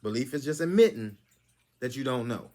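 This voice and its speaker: A man with a warm, expressive, medium-pitched voice speaks at a normal pace. Hosting his own channel, he delivers a preachy commentary monologue packed with rhetorical questions.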